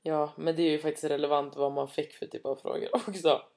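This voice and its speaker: A young woman, co-hosting a casual podcast chat, hesitant and self-mocking, quick to laugh. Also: sits low, level tone, a little mellow. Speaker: podcast co-host.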